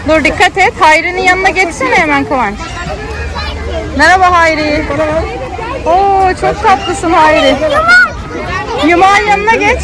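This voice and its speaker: A mother filming her child for a family vlog speaks in a very high voice, unhurried and pausing often, as she narrates for children with many direct greetings and prompts. The setting is a crowded outdoor children's theme park, and the recording is noisy with a loud crowd and outdoor ambience.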